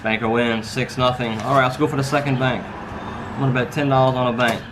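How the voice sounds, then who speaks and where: A man's voice: mid-range voice, steady tone, fast. A man giving a casual tutorial in the manner of a casino croupier, calling out hands in clipped dealer phrases. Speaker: instructor demonstrating card dealing. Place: at a card table beside a brick wall and door. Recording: noisy, with ambient background sound.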